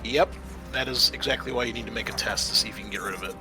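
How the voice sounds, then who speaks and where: Rapid-fire and medium-pitched, a man acts as game master for a tabletop roleplaying game, describing scenes and laying out rules for his players. Music runs under his voice.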